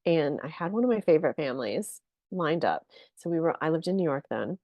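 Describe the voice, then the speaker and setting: A woman's voice: deep voice, brisk, dry recording, muffled recording. Chatty woman telling a story. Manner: animated, chatty, many fillers, laughs often. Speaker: podcast guest, photographer. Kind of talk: casual storytelling.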